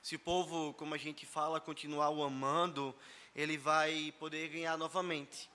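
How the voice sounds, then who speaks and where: Brazilian male pastor, hoarse, earnest sermon delivery, bright edge to the voice. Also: on the high side, little pitch movement, normal speed. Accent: Brazilian Portuguese. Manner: earnest, addresses the congregation directly as brothers. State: hoarse after a flu. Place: church service.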